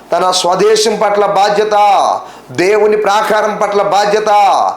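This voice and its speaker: Male pastor preaching, high voice, lots of repeated questions, roomy echo. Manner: repetitive rhetorical questions to listeners; slows and drops to a low voice at key words. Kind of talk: sermon. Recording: echoey room.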